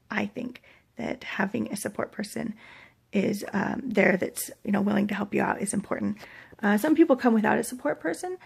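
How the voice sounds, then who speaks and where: Gravelly American woman, weak after surgery. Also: mid-range voice, darkish tone. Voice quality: gravelly, husky, breathy. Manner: rambling, hesitant, trailing off. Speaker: vlogger sharing surgery recovery. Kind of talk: casual personal vlog. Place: hotel room.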